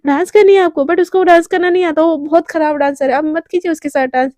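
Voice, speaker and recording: A woman voicing a jealous, sharp-tongued young woman in a storytelling. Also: extremely high pitch, steady tone, fast talker, dry recording, studio quality.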